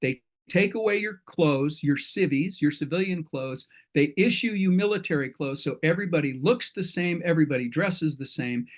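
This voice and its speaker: A man's voice: a little high, expressive, moderate pace, few pauses. A middle-aged man hosting an online entrepreneur meetup in a folksy, rambling way, often correcting himself. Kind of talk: casual talk to an online group.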